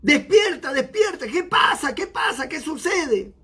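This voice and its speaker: A preacher voicing his young cousin, woken from sleep and yelling back irritably. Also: very high voice, sing-song, unhurried, voice pushed up, heavily acted. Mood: alarmed.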